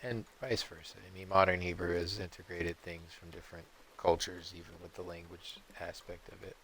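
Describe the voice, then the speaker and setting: A man streaming a game, rambling off on tangents and often clearing his throat. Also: low voice, little pitch movement, a little fast, a bit bright, a little hiss or hum. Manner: meandering, digressive, frequent throat clearing. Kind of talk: rambling live-stream commentary.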